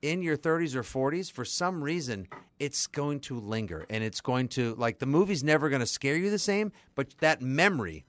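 Animated, joking man on a podcast. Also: medium pitch, dry recording. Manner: animated and profane, quick asides. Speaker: podcast co-host. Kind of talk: casual chat.

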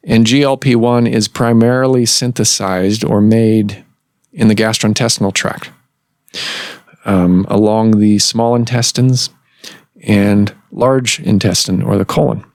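A man hosting a medical podcast, explaining things in a measured way with pauses and restarts. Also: fairly low pitch, fairly even intonation, darkish tone, dry recording, clean studio sound. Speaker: podcast host and surgeon. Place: office recording room.

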